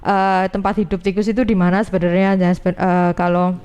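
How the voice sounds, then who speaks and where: A woman guest explaining things in a radio interview, haltingly and often rephrasing. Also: fairly low pitch, level tone, a little mellow, smooth. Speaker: agricultural extension guest.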